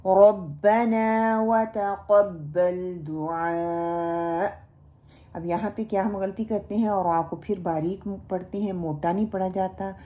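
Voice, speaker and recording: A woman's voice: medium pitch, fairly even intonation, hardly any pauses, mellow. A woman teaching Quran recitation in a recorded lesson, patiently explaining each sound step by step and modelling it herself.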